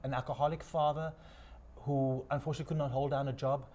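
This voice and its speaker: A man from South Africa with a South African accent, a studio guest telling his life story in a measured, inspirational way. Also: medium pitch, level tone, darkish tone, a little hiss or hum. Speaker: guest, sailor and keynote speaker. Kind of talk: interview storytelling.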